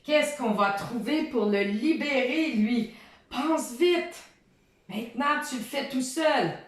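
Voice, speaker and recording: A woman giving a reading lesson to a child, in a sing-song voice, sounding out letters and syllables slowly. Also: fairly high pitch, roomy sound.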